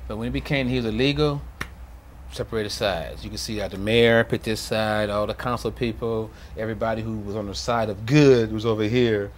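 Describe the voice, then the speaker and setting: A middle-aged man in an interview, emphatic and animated, his voice jumps high as he relives things and drops to a low mutter. faint background hiss. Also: a little fast. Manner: animated, emphatic, acts out past moments. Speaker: victim's father interviewed. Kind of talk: emotional interview recollection.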